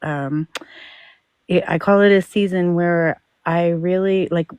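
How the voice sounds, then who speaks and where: A woman's voice: lowish voice, fairly even intonation, slow pace, clear, resonant tone, dry recording, highs cut off. A woman telling personal stories casually, in a reflective and earnest way. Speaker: discussion participant.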